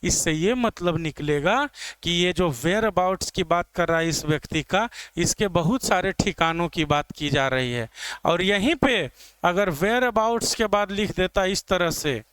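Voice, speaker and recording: High, crisp-voiced man teaching. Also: lively intonation, a little slow, a bit bright. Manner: explains step by step, asks students "clear?". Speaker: English teacher. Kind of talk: classroom lecture.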